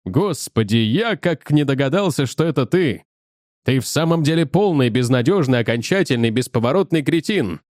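A man reading an audiobook and voicing a lovestruck young man in a low, slow, gushing voice. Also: expressive, a little mellow, no room sound, clean studio sound, close to an everyday voice. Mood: exasperated.

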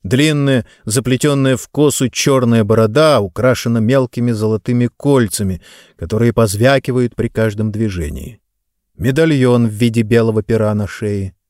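A man narrating an audiobook with an expressive reading. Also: medium pitch, moderate pace, dry recording, studio quality. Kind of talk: scripted narration.

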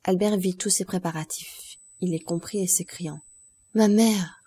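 Husky, mellow woman audiobook narrator. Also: fairly low pitch. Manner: measured, expressive reading.

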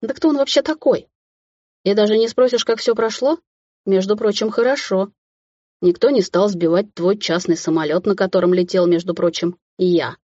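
A woman voicing a carefree, mocking young man who teases in a drawn-out, singsong way. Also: medium pitch, mellow, no echo, muffled recording, natural voice. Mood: teasing.

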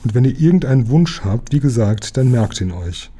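A man's voice: medium pitch, animated, moderate pace, warm tone, pitched above the performer's own voice, natural voice. A man voicing an eager, lisping little sea princess in a read-aloud storybook. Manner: eager, pleading.

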